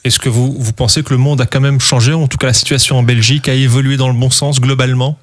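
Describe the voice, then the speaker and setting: Casting note: male interviewer, quick delivery, brisk follow-up questions. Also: medium pitch, flat delivery. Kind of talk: talk show interview questions.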